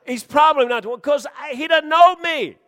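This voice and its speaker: High-voiced joking preacher in a reverberant hall. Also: male voice, brisk. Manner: folksy, joking preacher who swings from shouting to hushed. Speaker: pastor. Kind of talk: sermon. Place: church.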